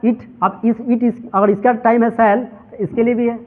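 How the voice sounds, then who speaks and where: High-voiced man teaching, tinny sound. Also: little pitch movement, moderate pace. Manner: drills students with repeated questions; mixes Hindi and English. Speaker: English teacher. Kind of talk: classroom translation lesson.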